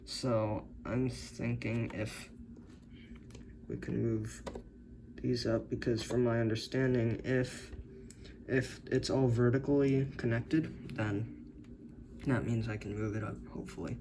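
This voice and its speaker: Hesitant hobbyist man, gravelly voice, slow delivery, captured on noisy camera-mic audio. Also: mid-range voice, fairly even intonation. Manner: hesitant, unsure, many self-corrections. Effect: camera-recorded audio. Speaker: hobbyist building circuits. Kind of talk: thinking-aloud tinkering narration. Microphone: camera's built-in mic.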